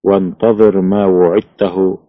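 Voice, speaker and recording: A man reading the quoted words of a solemn, quiet male self-proclaimed prophet in a slow, measured way. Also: low-pitched, level tone, no room sound. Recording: dull lo-fi, dry.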